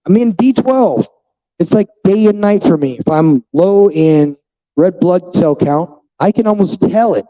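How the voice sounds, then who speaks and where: Talking straight to his audience, a vlogger in his 50s delivers an expressive, blunt, profane rant in a casual video. He sounds slightly high-pitched but mellow and dark, captured on a dull, lo-fi recording.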